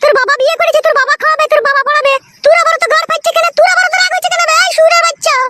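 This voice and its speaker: A man's voice: very high voice, expressive, quick pace, exaggerated voice. A man voicing a foul-mouthed, twice-married village mother-in-law in a cartoon, screeching abuse. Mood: scolding. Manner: screeching, abusive, shouting insults. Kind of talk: cartoon voice acting.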